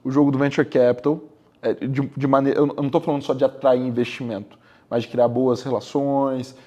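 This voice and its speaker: A Brazilian podcast host conducts a casual interview, frequently hesitating and repeating words as he poses questions. His mid-range voice is brisk, level, and darkish in tone.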